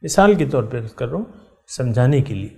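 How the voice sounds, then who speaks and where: A middle-aged man teaching a Quran lesson in the manner of a sermon. His voice sits at an ordinary middle pitch. He talks directly to his listeners, repeats key words for emphasis, and slows down to recite verses. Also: animated, creaky, warm tone.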